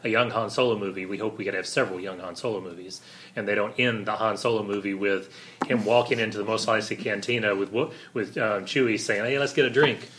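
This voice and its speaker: Casual podcast host: man, lowish voice, rambling and enthusiastic. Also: fairly even intonation, quick pace, a bit bright. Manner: enthusiastic, rambling fan talk.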